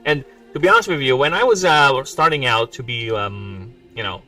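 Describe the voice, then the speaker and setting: Bright-voiced joking man, mic set back. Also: mid-range voice, animated, normal speed. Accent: mixed English accent. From Philippines. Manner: joking, rambling, self-mocking asides. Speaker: indie game developer streaming. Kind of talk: casual livestream chat. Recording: distant mic with faint music. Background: faint background music.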